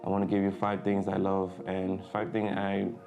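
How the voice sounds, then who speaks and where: A young Dominican vlogger, a native Spanish speaker, chats casually to the camera, hesitating with lots of fillers and restarts. His low, gravelly voice is completely flat and moderately paced, heard over music.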